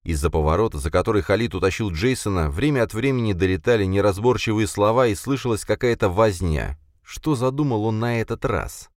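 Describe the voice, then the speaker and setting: A man narrating a thriller audiobook in an expressive, tense reading. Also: fairly low pitch, brisk, hardly any pauses, dry recording, clean studio sound.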